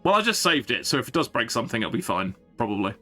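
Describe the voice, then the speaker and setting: A man's voice: mid-range voice, very animated, fast, bright, forceful tone, soft background music. A man chatting casually on a game live stream, rambling and thinking aloud to his viewers.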